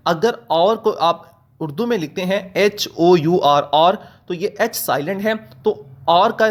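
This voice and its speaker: High-voiced man teaching grammar slowly. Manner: methodical, repeats example sentences slowly. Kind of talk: recorded grammar lecture.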